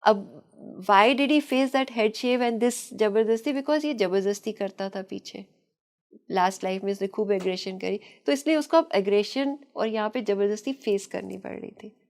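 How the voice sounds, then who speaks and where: A woman guest on a podcast interview, calmly explaining past-life ideas and mixing English phrases into her talk, with light laughter. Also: mid-range voice, unhurried.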